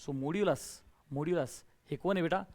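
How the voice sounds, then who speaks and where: A man teaching a maths class in a classroom, energetic, firing questions at students and urging them to answer loudly. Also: on the high side, a little slow. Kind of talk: classroom lecture with call-and-response.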